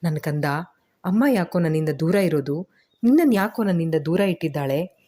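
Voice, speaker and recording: A woman's voice: on the low side, expressive, moderate pace, dark tone, breathy edge. A woman voicing a tearful young father. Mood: tender. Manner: tearful pleading.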